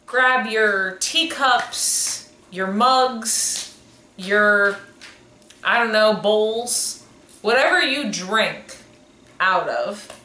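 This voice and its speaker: A woman in her twenties co-hosts a podcast, chatting casually and rambling while correcting herself. Her medium-pitched voice is expressive, very slow, bright and forceful. The room is echoey, with faint background noise.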